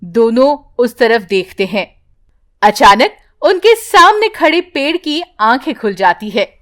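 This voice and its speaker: A woman narrating an animated bedtime story in a calm, even storytelling manner. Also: a little high, takes it slowly.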